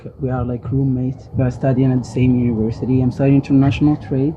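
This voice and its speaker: A man's voice: medium pitch, little pitch movement, fast talker. A man in his twenties from Morocco, a student chatting as an interview guest, loose and full of "like"s. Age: 20s. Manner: loose, filler-heavy storytelling with many "like"s. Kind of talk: casual interview answers. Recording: dull lo-fi sound, faint noise.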